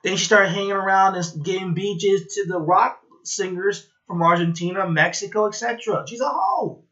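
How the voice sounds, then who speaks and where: A man from Latin America giving heated, indignant reaction commentary that rises to loud outbursts. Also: sits high, moderate pace. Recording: dull lo-fi audio.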